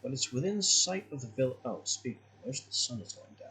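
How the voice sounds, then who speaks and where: A man's voice: medium pitch, big pitch swings, brisk, sharp tone. A man giving casual let's-play commentary as a gaming host, musing aloud in a wry, conversational way.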